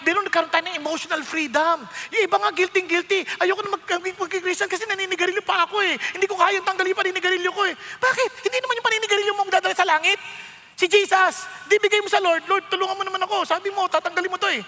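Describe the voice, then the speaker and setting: High bright Filipino preacher in a hall. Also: male voice, very fast. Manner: animated, playful, acts out quoted voices, mixes English phrases. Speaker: pastor. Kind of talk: sermon.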